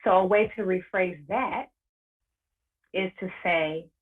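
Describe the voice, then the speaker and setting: A woman coaching parents in an online workshop, speaking in a measured, encouraging way and repeating key phrases. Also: on the low side. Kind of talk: webinar workshop presentation. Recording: tinny phone-like audio.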